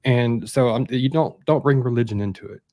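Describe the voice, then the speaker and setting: A man's voice: medium pitch, brisk, darkish tone, no echo, clean studio sound. A man speaking as a guest on a casual interview, emphatic and full of stumbling restarts and repeated words. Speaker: guest, mental health coach.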